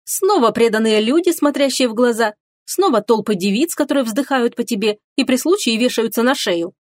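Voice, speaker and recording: A woman's voice: fairly high pitch, animated, fairly quick, no room sound, studio quality. A woman voicing a fiery, jealous young woman who speaks sharply and indignantly. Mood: sarcastic, angry.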